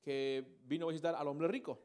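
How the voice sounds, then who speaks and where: Fast-talking male sermon interpreter. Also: fairly high pitch, clear, resonant tone. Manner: quick, animated, repeats words while searching for phrasing.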